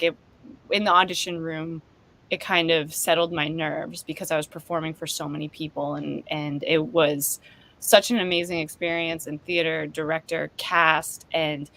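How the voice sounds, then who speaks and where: A woman's voice: deep voice, creaky. A woman, chatting as a comedian guest in an interview, bursting with enthusiasm. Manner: excitable, quick bursts of enthusiasm. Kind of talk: casual interview chat.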